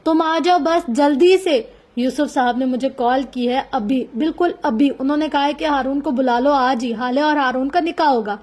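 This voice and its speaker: A woman voicing an impatient middle-aged father who speaks loudly and urgently, in a novel reading. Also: high voice, natural voice. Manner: fast, loud and urgent.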